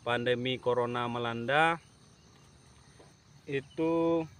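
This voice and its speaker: A man talking casually to camera in a vlog outdoors at a plantation, slow and halting with many fillers. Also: mid-range voice, a bit bright, clean tone. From Indonesia. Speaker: YouTube channel owner. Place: outdoors at an oil palm plantation. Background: insects and rural outdoor ambience.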